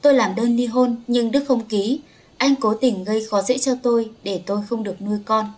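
A woman's voice: fairly high pitch, fairly even intonation, a little fast, a little mellow. A woman storyteller narrating a sorrowful first-person story in a confessional way.

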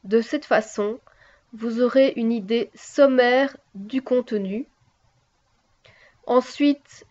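Female instructor, scripted, somewhat high voice, unhurried, muffled audio. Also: a little mellow. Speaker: teacher.

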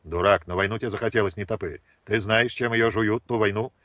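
A man's voice: lowish voice, a little fast, a bit bright, no echo, clean studio sound, lightly acted. A man voicing a harsh old peasant father-in-law who barks orders in rustic dialect. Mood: scornful. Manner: bullying, barking commands in rustic dialect. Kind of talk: audiobook character voice.

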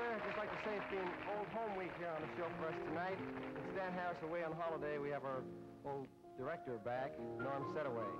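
A man hosting a live 1950s TV music show, thanking his guests and band in a brisk, cheerful emcee manner. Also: fairly high pitch. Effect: 1950s TV broadcast sound. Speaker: show host and bandleader. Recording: dull lo-fi 1950s TV audio with loud band music.

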